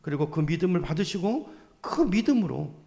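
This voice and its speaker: A man's voice: on the high side, sing-song, normal speed, vocal fry, warm tone. A male pastor preaching a sermon, pressing the congregation with repeated questions and emphatic calls to faith. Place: church sanctuary. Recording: long church hall reverb.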